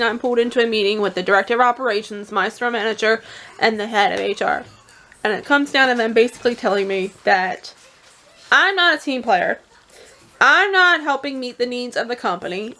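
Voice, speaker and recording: A woman's voice: on the high side, pushed and bright. A young woman telling a vlog audience about a stressful day at work, emotional and rambling, close to tears. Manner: emotional, tearful, rambling with restarts. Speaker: vlogger. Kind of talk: casual confessional vlog.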